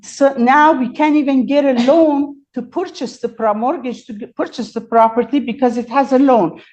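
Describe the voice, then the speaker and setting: A woman's voice: high voice, normal speed, darkish tone, lo-fi sound. A woman representing herself in court, pleading her case insistently and formally to the judge. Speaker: self-represented defendant. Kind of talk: courtroom argument.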